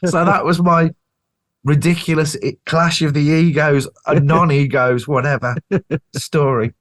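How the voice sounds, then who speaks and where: In a relaxed interview, a middle-aged band singer from Britain shares tales from the road as a guest, cursing freely and performing the quotes of people he met. He speaks with a British English accent, animated in his storytelling, in a fairly high, unhurried voice.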